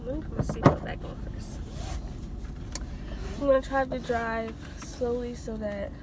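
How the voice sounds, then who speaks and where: A woman's voice: on the high side, steady tone. A woman chatting casually in a vlog from inside a car in a parking lot, her speech thickened by a fresh tongue piercing. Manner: chatty, slow and unhurried, talks while eating. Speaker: vlogger. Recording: loud car and road noise.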